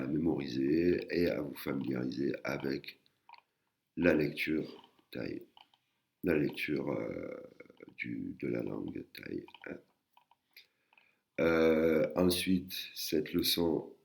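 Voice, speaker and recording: Very deep gravelly male teacher. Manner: hesitant, many fillers and restarts; sounds out syllables slowly. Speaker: Thai language teacher. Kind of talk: casual spoken lesson.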